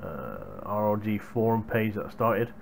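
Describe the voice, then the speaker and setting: A young adult hardware reviewer chats casually with his viewers in a vlog, recorded indoors in a small room at home through a gaming headset boom mic. His lowish, creaky voice swings widely in pitch at a measured pace, with a little hiss or hum audible.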